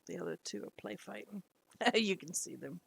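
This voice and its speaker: A woman's voice: medium pitch, sing-song, normal speed, gravelly, a bit bright, husky, no echo, low-quality recording. A middle-aged woman chatting casually to camera at home, rambling and laughing often. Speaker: lifestyle vlogger. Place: at home, indoors.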